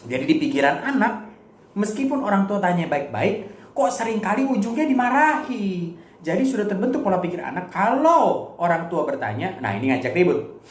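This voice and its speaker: A man giving a parenting lesson in an animated way, repeating key words for emphasis and acting out examples. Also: high voice, normal speed. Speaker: parenting educator. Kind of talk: educational video talk. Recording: echoey room with faint ambience.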